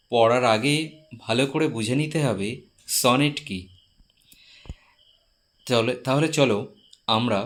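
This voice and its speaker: A man teaching a class as a Bengali speaker, explaining step by step and slowing down to spell out English terms. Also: mid-range voice, a bit bright. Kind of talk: classroom lecture.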